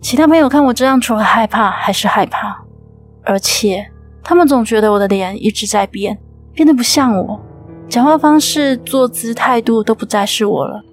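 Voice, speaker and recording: A woman host with a Taiwanese Mandarin accent narrating a ghost story in a steady, suspenseful way. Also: on the high side, normal speed, soft background music.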